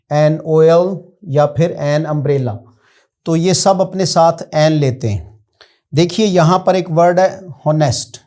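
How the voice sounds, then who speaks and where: A man from Pakistan with a Pakistani Urdu accent, giving a slow, explanatory classroom lecture to his students. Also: fairly high pitch, warm tone. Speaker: teacher.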